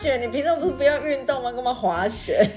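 Woman, Taiwanese accent, high pitch, lively intonation, giggly, teasing casual chat, music behind. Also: fairly quick. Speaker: podcast co-host.

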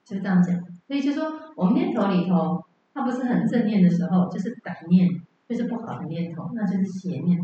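A woman's voice: medium pitch, expressive, quick pace, hardly any pauses, dark tone, slight background noise. A woman teaching Buddhism in a lecture hall, telling stories and asking the audience rhetorical questions. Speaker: dharma teacher. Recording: dull, echoey, from far off.

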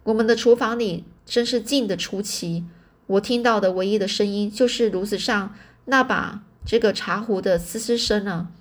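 A woman's voice: mid-range voice, moderate pace. A woman narrating a novel in a casual reading style, often restarting phrases and adding fillers.

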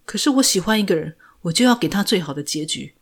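Film recap storytelling, woman reading as a desperate teen boy, urgent, pleading, a touch low. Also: lively intonation, fast talker, husky. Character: desperate teenage boy taking the blame.

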